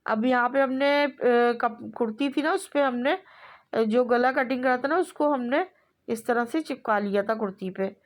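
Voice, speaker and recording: Slow, chatty woman teaching sewing. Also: on the high side. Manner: relaxed, repetitive, hesitant with fillers. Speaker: sewing instructor. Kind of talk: step-by-step tailoring tutorial.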